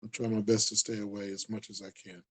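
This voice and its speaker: A man in his sixties with an Upper Midwest American accent, an earnest community leader, talks casually to camera in a lowish, flat voice at a fast clip. He rambles and repeats points for emphasis.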